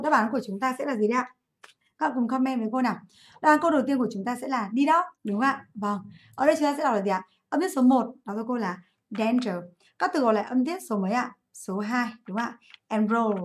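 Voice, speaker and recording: A woman with a fairly high voice runs a live online English class. She talks in a chatty way and keeps asking students to comment. She corrects her own slips as she goes. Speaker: English teacher. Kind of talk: live online class, going over an exam.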